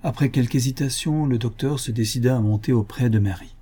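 A man narrates a classic novel for an audiobook, reading in a steady, measured way. His voice is husky and sits at a medium pitch.

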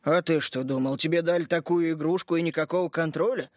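A man reading an audiobook, voicing a gruff, hot-tempered army captain who talks bluntly. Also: a little high, steady tone, brisk, no echo, clean studio sound, lightly acted.

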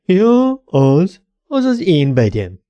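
Guy doing a flirty dame at the bar, slow sugary drawl, lots of swing in the voice. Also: sits high, wildly swooping pitch, mellow, dull audio, voice pushed up. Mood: coaxing. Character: flirty overdressed woman at a bar.

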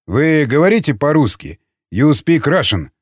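A man doing a blunt, lively warrior. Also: a little high, normal speed, slightly rough, no echo, studio quality. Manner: exclaiming, blunt. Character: bold male warrior, blunt and quick.

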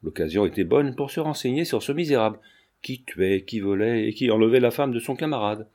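A man narrating a classic novel aloud in an even, measured storytelling manner. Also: medium pitch. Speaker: audiobook narrator. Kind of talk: scripted narration.

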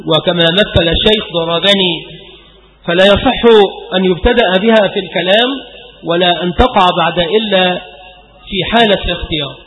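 A man's voice: sits high, fairly bright tone, slight background noise. A man giving a grammar lesson as a teacher, asking questions and answering them himself while drilling example words. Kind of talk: lecture explaining grammar. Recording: echoey hall with long reverb.

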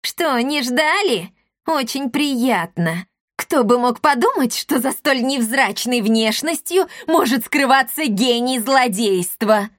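Brief: woman playing a sly smug boy, sneering and haughty, slow drawn-out taunts, raised pitch. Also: expressive, a bit bright, no echo, clean studio sound, full character voice.

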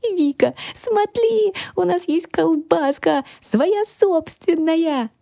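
A woman voicing a small, fussy, excitable male dragon who keeps house, with a lisp that turns r into l. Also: gravelly, dry recording, clean studio sound, heavily acted. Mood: delighted. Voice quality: lisps, turning r into l. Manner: high, squealing and drawn-out. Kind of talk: audiobook character voice.

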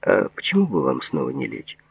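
A man voicing a calm, cautious male psychoanalyst who speaks in a measured, restrained way. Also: mid-range voice, gravelly, husky, voice pushed up, exaggerated voice. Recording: thin phone-like audio.

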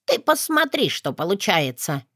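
Brash male plant creature, narrator putting it on, theatrical and slow. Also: lowish voice, sing-song, fairly bright tone, dry recording, clean studio sound, heavily acted. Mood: excited. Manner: theatrical, slow grand declarations.

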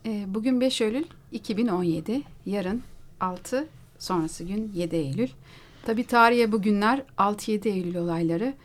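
Woman hosting a radio talk show. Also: medium pitch. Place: radio studio.

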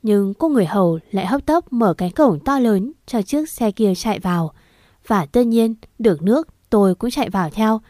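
A woman's voice: medium pitch, lively intonation, normal speed, mellow, dry recording, studio quality. A young woman narrating a first-person story and acting out the dialogue, crying out pleas in the tense scenes. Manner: acts out the dialogue, pleading cries.

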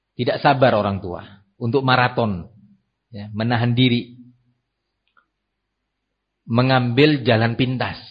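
A man's voice: mid-range voice, husky. A man from Indonesia preaching an Islamic sermon in an earnest, admonishing manner. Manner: earnest, admonishing, acts out parents' voices. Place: small prayer hall. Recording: dull lo-fi sermon recording.

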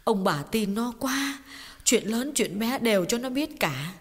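A woman voicing a grieving middle-aged mother in an audiobook drama, telling a painful story in a tearful, halting way with repeated words. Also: fairly high pitch, expressive, breathy edge, heavily acted. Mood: bitter. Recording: long reverb with background music.

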